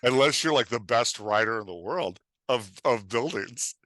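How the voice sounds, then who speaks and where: In a dry recording, a man with a mid-range voice speaks at a moderate pace. He is a podcast guest and coach talking about his craft in a casual, blunt, emphatic manner, frequently dramatizing imagined readers' reactions and leaning on "like" and "right?"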